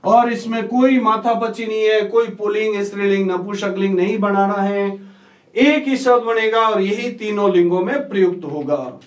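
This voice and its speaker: A man's voice: high voice, normal speed, roomy sound, far from the mic. A man teaching an online grammar lesson. He asks his students questions and answers them himself, repeating each answer. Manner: repeats key answers, quizzes students as "बेटा".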